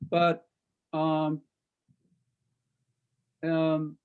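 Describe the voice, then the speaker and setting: A male teacher giving feedback on a student's speech over a video call, halting, with many restarts, and checking in with "okay?". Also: fairly high pitch, monotone, clean tone, phone-quality sound. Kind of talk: classroom feedback.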